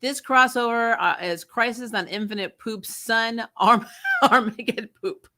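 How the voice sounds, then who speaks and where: A woman who hosts a TV show review channel recaps and rants in a casual vlog, blunt, sarcastic and exasperated, with some swearing. Her voice sits on the high side, a little slow, bright and forceful.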